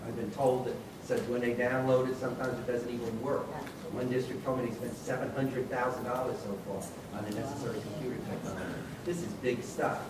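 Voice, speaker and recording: A male legislator talks fast and emphatically, often repeating his opening words. The voice is far from the mic, washed in strong hall echo. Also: medium pitch, steady tone. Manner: quick, emphatic, repeats himself. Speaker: legislator on a panel. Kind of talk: panel discussion remarks. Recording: echoey hall, distant mic, noisy.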